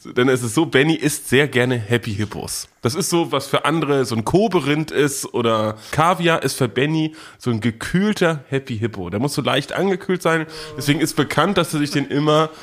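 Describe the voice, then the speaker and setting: A man with a mid-pitched voice co-hosting a podcast. He tells an anecdote in a teasing, mock-solemn manner, with dramatic pauses for effect. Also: lively intonation. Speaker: podcast co-host. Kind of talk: casual podcast chat.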